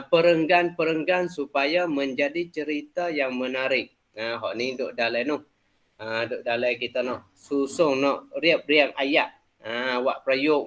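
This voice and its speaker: A man teaches a class in a loose, repetitive manner. He explains the lesson with many "ha" and "nah" fillers, at a middle pitch. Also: fairly bright tone.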